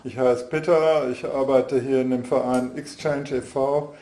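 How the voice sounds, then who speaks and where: A man who works at a local association, speaking in a calm, measured way. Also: medium pitch. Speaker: association worker. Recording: roomy echo.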